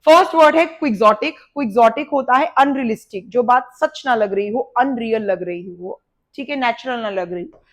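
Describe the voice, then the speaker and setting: A woman with an Indian accent teaches a vocabulary lesson, her voice sitting a little high. She explains each word with memory tricks and repeats them. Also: moderate pace. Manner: lively explaining with repetition.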